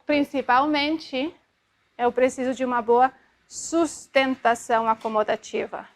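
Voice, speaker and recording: An optometry lecturer with a high voice teaches a class, explaining material and checking in often with tag questions. She also demonstrates by sounding out syllables.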